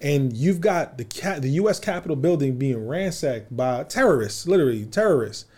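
A man's voice: a little high, expressive, normal speed, darkish tone, breathy edge. A man talking heatedly and emphatically in a casual podcast chat, swearing often.

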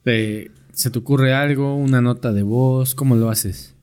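A man's voice: medium pitch, fairly even intonation, measured pace, darkish tone, clean tone. A man hosting a podcast, asking short, easygoing questions. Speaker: podcast host. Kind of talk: interview questions.

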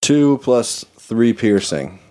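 A man's voice: medium pitch, big pitch swings, takes it slowly, dark tone. A man chatting casually as a player in a tabletop game, with crude, joking banter. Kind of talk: casual chat.

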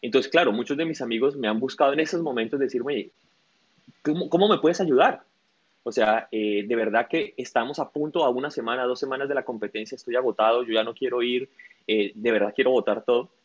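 A guest coach tells stories in a casual interview, acting out what people said along the way. His voice is medium-pitched and brisk, and the audio has a dull, lo-fi quality.

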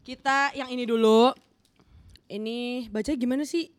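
A woman's voice: fairly high pitch, normal speed, dry recording. A young woman co-hosting a casual snack review vlog, chatty and musing, with slangy asides. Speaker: vlog co-host.

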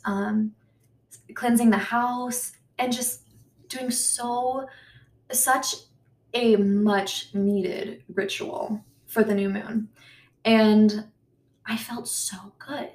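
A young woman chatting casually to her viewers, rambling, talking quickly and swearing freely. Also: fairly high pitch, darkish tone. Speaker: YouTuber. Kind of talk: casual chat vlog. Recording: roomy sound from a distance.

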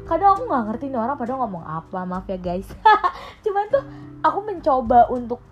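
A woman's voice: on the high side, big pitch swings, fast, soft background music. Young woman telling candid stories. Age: young adult. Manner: candid, emotional storytelling with many fillers. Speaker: podcast co-host. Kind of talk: casual late-night chat.

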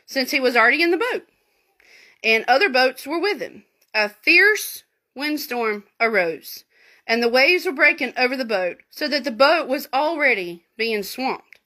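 A woman telling a Bible story in a chatty, animated way, full of folksy asides. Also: on the high side. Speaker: Bible teacher. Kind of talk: informal Bible lesson storytelling.

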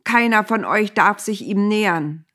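An enraged prophet who bellows at his people and then begs in a murmur, as a woman reader puts him on. The voice is husky and unhurried, slightly low. A Bible story read aloud. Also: steady tone. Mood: furious. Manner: shouting in rage, later pleading and murmuring. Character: Moses, furious then despairing prophet, man.

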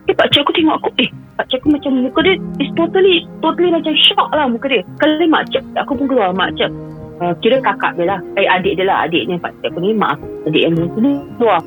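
Woman, caller telling her story, quick, higher voice, faint music behind. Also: animated, fairly bright tone, low-quality recording. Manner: mixes in English phrases, repeats herself while recounting. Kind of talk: personal storytelling on a call-in show.

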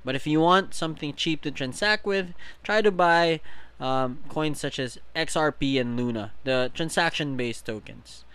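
A man's voice: fairly high pitch, normal speed, a bit bright, clean tone. A man co-hosting a casual crypto chat, explaining things step by step and laughing often. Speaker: co-host.

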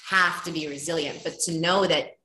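A woman's voice: low voice, fairly even intonation, normal speed, bright, forceful tone, slight background noise. A woman from Ethiopia speaking earnestly and passionately as a podcast guest. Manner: earnest, impassioned. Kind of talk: conversational interview. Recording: roomy echo.

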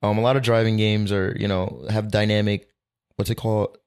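A man's voice: fairly low pitch, level tone, fairly quick, a little mellow, clear, resonant tone. A man co-hosting a casual podcast chat in a laid-back, agreeable way, with short affirmations. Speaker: podcast co-host.

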